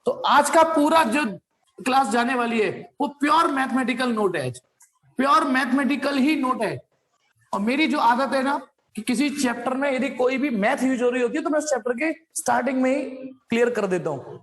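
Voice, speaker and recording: High-voiced man teaching a physics class. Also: moderate pace, fairly bright tone. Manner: addresses students directly, stops to ask them questions; repeats points over and over. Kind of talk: online class lecture.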